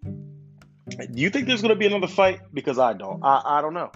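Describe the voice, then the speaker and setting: A man's voice: a little high, moderate pace. A man giving a casual, profane rant about a fight, swearing constantly and firing questions at his viewers. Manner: swears constantly, animated, asks the audience questions. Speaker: commentator on fights. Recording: dull lo-fi sound with loud guitar music.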